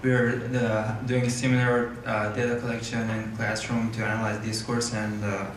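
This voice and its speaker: A man's voice: lowish voice, monotone, moderate pace. A man in the audience asking a hesitant question from the floor of a lecture hall. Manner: hesitant, many fillers. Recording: echoey hall, far from the mic, noisy.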